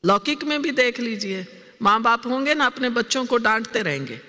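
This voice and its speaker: A woman's voice: fairly high pitch, lively intonation, moderate pace, pushed and bright. A woman giving a spiritual discourse to a congregation. She asks the audience questions and then answers them herself. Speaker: spiritual teacher. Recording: hall with long reverb.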